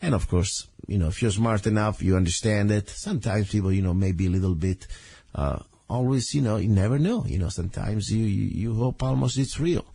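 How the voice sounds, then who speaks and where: A man hosting a casual radio show in a rough caveman voice, hoarse and congested from a heavy cold, talking in a rambling, informal way. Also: fairly low pitch, brisk, mellow, dry recording.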